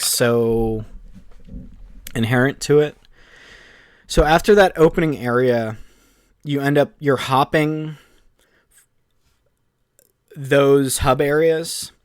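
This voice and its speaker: A man co-hosting a podcast, chatting casually and excitedly in long rambling runs full of fillers. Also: medium pitch, dry recording, studio quality. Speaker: podcast co-host. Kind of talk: casual chat.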